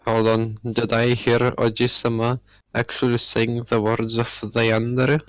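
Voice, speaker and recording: A man's voice: mid-range voice, monotone, a little slow, no room sound, poor audio. A young man in a casual voice chat who giggles and keeps cutting in with "wait".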